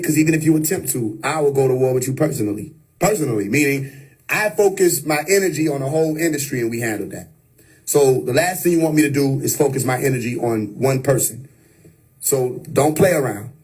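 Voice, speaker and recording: On a low-quality phone or webcam recording, a livestream host with a medium-pitched, darkish, slightly rough voice speaks briskly with lively intonation. His unscripted monologue is preachy, emphatic and repetitive, peppered with "you know what I mean."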